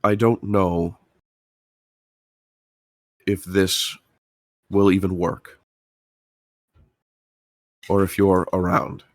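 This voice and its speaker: Man role-playing a low-voiced, wistful, earnest adventurer. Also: level tone, no room sound, studio quality, heavily acted. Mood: wistful, hopeful. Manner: halting, gentle, solemn. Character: earnest, wistful man sending a hopeful magical message. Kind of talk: tabletop role-play in character.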